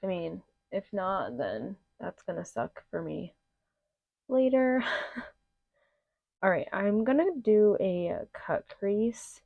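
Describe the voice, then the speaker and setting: In this makeup tutorial, the young beauty vlogger keeps things casual and filler-heavy, her voice a bit nasal from allergies. It sits at medium pitch with vocal fry and a warm tone, recorded dry and slightly muffled at home.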